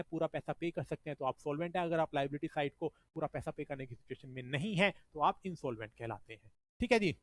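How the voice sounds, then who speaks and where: A man's voice: on the high side, dry recording. A man teaching a revision lecture. He explains step by step and often adds "ठीक है जी" as a check-in. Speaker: accounting teacher.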